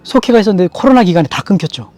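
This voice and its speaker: A man giving an emotional personal testimony in an interview, earnest and halting, often restarting his sentences. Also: sits high, expressive, a little mellow. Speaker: franchise store owner.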